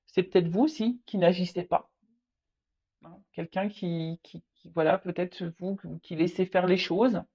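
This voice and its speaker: A woman's voice: lowish voice, fairly even intonation, mellow. A woman giving a casual tarot reading, addressing the viewer directly, often stalling and repeating words. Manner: halting, repeats words, many fillers. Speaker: tarot reader. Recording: slightly dull lo-fi audio.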